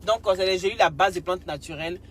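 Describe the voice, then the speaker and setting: A woman ranting at someone in a clash video, scolding and insulting, swinging between loud outbursts and mutters, with bits of broken English. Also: on the low side, quick pace, a little hiss or hum. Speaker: social media commentator.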